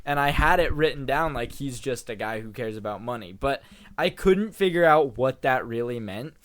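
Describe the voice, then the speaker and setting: A young man co-hosting a casual podcast, talking about his game characters in a relaxed, chatty way. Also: medium pitch, moderate pace. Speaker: podcast co-host. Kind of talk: casual chat.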